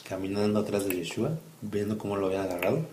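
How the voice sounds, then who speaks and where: A man's voice: fairly low pitch, fairly even intonation, fast, a crowd in the background. Father telling a bible story. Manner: storytelling, asks the child questions, acts out quotes. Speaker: father homeschooling his child. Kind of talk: bible story lesson for a child. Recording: echoey room, faint noise.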